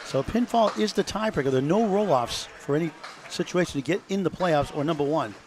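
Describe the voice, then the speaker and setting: A man with a slightly high voice chats his way through scores and standings during live bowling coverage. He rattles off numbers and schedules. Alley noise sounds clearly behind him. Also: animated, fairly quick, a little mellow. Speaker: color commentator.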